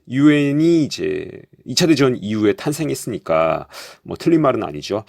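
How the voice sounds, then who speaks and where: A man's voice: mid-range voice, vocal fry, no room sound, studio quality. A man explaining at length in a casual monologue, with frequent hesitations and sudden rises of emphasis. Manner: hesitant, many fillers and restarts, lively emphasis. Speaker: commentator.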